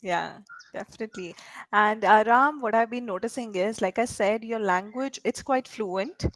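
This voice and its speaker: A woman's voice: fairly high pitch, normal speed, dry recording, poor audio. A woman from India coaching a learner in spoken English, explaining patiently and checking in with frequent questions. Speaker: English tutor.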